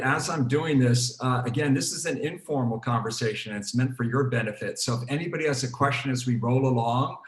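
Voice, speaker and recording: A man hosts an online panel as a program director. He talks loosely, with many fillers and restarts. His video call audio sounds roomy and echoey. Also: mid-range voice. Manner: relaxed, with frequent fillers and restarts. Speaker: program director hosting a webinar.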